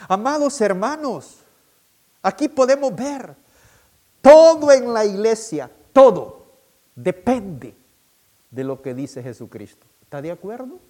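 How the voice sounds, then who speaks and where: A male pastor delivering a sermon in a high voice that swoops up and down with great animation. He speaks slowly and deliberately and repeats each key point so it sinks in. His manner stays emphatic throughout. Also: animated, mellow.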